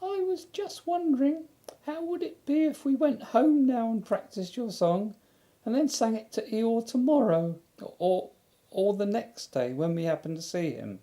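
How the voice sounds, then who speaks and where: A man voicing a tiny, timid and anxious young piglet in a storybook reading, with a squeaky, hesitant delivery. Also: unhurried, warm tone.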